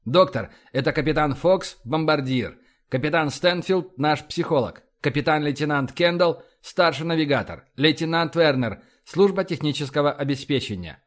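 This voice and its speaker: A man's voice: a little high, expressive, normal speed, close to an everyday voice. A man reading an audiobook, voicing a commanding male admiral who makes formal introductions.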